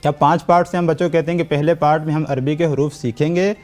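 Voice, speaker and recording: Pakistani man patiently explaining, warm tone. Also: fairly high pitch, steady tone, soft background music. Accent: Pakistani Urdu. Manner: patient, instructive, repeats key points. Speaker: Quran teacher and guest. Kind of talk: explanatory talk-show interview.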